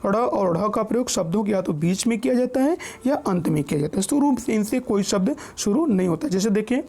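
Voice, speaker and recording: A man's voice: high voice, lively intonation, fairly quick, vocal fry, mellow. A man teaching an exam-prep grammar lesson, explaining step by step and reading out lists of example words. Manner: checks in often with the listener.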